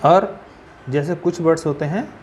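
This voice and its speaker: A man's voice: fairly high pitch, moderate pace, a little mellow, a little hiss or hum. A man teaching a grammar lesson. He asks questions and answers them himself, and he spells words out letter by letter.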